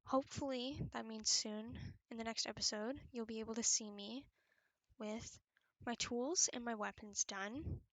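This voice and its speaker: A woman's voice: on the high side, fairly even intonation, measured pace, fairly bright tone, no room sound, low-quality recording. A young adult woman chatting casually as she narrates her gameplay, in a rambling, informal, self-effacing way. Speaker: video creator narrating gameplay. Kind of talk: casual gaming chat. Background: background music.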